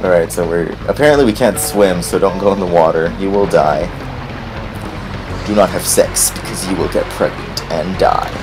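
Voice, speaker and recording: A man hosting a let's play who rambles casually, gets excitable and swears when things go wrong, and whose voice is strained from recently losing it. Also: low-pitched, normal speed, over music. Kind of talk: casual gameplay commentary.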